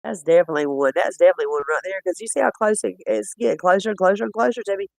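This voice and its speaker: A man chatting casually while reviewing footage, rambling and quick to laugh. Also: high-pitched, gravelly, no room sound. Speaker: cryptid-hunting streamer.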